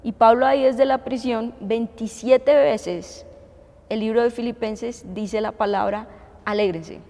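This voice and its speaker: A woman in her thirties with a Colombian accent, preaching a sermon in an animated way and asking the congregation questions. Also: on the high side, long reverb tail. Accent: Colombian Spanish. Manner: animated, asks the audience questions, acts out shouting.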